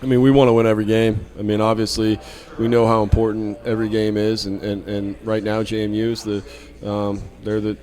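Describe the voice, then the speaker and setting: A college football coach with a lowish, flat voice speaks a little fast in a candid media day interview at a hotel event. He often repeats and restarts words, and gets loud when needed.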